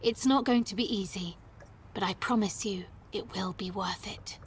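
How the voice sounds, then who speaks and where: A woman voicing an old winemaker reading a formal farewell letter, slow and hushed, in a whispered role-play. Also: medium pitch, a little hiss or hum, lightly acted. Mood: solemn hushed.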